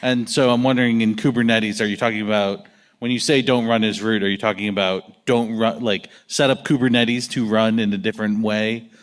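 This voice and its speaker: A man's voice: on the low side, fairly even intonation, a little fast. A man in a conference audience asking the speaker a hesitant question, with many uhs. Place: conference hall.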